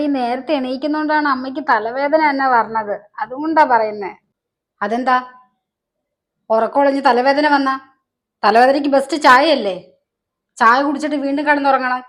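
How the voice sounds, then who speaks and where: An actress playing an insistent daughter-in-law with a menacing streak in a short family drama. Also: female voice, high-pitched, a bit bright. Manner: insistent, falsely sweet.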